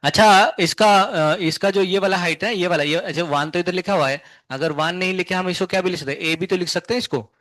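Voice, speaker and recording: A male physics teacher with a high-pitched voice, firing short questions at his class and then talking them through the answers. The sound is dry and close, with almost no room echo. His talk is chatty and a little scolding. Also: fairly bright tone. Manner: chatty, scolding then explaining, asks students many quick questions; hums tunes to show wave shapes. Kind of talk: live classroom lecture.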